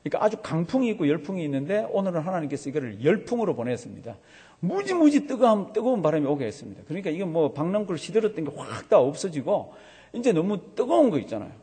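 A male pastor preaches with a lively, swooping delivery and a somewhat high voice. His tone is husky and mellow. Long reverb from the hall trails behind each phrase. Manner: animated storytelling with vivid sound words. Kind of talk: sermon.

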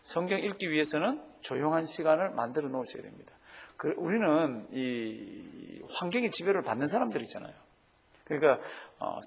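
Husky-voiced man preaching a lively sermon. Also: on the high side. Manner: lively, asks the congregation questions and has them repeat. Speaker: pastor. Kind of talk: sermon teaching on Bible reading.

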